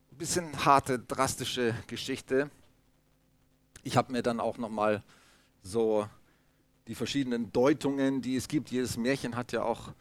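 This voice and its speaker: Male pastor, conversational storytelling sermon, dry, mid-pitched. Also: no echo. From Hamburg, Germany. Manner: chatty, storytelling, lots of asides and fillers.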